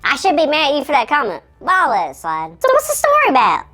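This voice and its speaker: A woman voicing a shrunken, panicky kids' show host through a sped-up chipmunk voice effect, squeaky and cartoonish. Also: huge pitch swings, fast talker, bright, forceful tone, heavily acted. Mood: curious. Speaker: children's Bible show host. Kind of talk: comedic kids' show skit.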